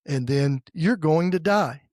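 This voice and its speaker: A man in his sixties from the United States, hosting a podcast in a casual faith conversation and pausing often with fillers and restarts. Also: a little high, darkish tone, no room sound, studio quality. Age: 60s. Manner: halting, with many fillers and restarts. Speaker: podcast host.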